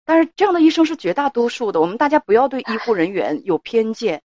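A woman's voice: a little high, sing-song, fast talker, darkish tone, dry recording, dull audio. A woman hosting a call-in advice show, speaking firmly and lecturing with rhetorical questions.

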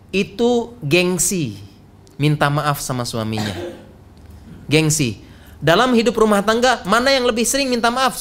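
A man preaching a conversational sermon at a gathering, joking and quizzing his listeners with questions. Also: high voice. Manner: lively, quizzes the audience with questions. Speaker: Islamic preacher.

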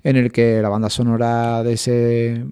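A man's voice: mid-range voice, monotone, measured pace, dark tone, clean tone, no room sound, studio quality. A man, a guest musician chatting in a radio interview in a rambling way with lots of fillers. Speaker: guest musician, cornet player.

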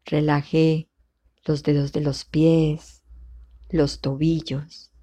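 A woman serves as instructor for a guided meditation, her low-sitting voice giving calm, soothing, measured directions separated by long pauses.

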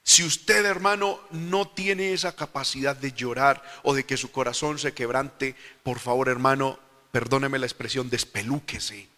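A man's voice: mid-range voice, steady tone, normal speed, bright, forceful tone, long reverb tail. A man preaching a fervent sermon, again and again calling his listeners brother.

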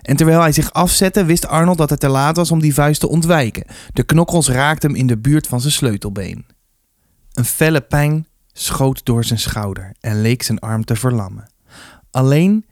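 A man reading a youth novel aloud with steady, measured narration. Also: mid-range voice, dry recording, studio quality. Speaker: reader. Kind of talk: storybook reading.

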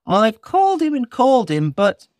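A man's voice: extremely high pitch, wildly swooping pitch, normal speed, a little mellow, no echo, clean studio sound, pitched above the performer's own voice, exaggerated voice. A man voicing a fussy little old male elf in a bedtime story. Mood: worried.

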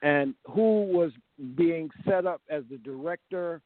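A man's voice: fairly high pitch, measured pace, no echo. Man talking over a tinny phone line. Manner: rambling, with frequent restarts. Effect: heard over a phone call. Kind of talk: casual history talk.

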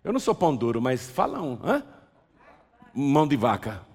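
Lively preacher in a reverberant hall. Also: male voice, mid-range voice, normal speed. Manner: lively, joking, acts out scenes with a volunteer. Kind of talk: sermon with live role-play.

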